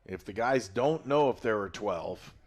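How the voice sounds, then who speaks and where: A man's voice: lowish voice, animated, unhurried. A man doing play-by-play commentary for a college football game, chatting and explaining the rules at length. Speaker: play-by-play announcer.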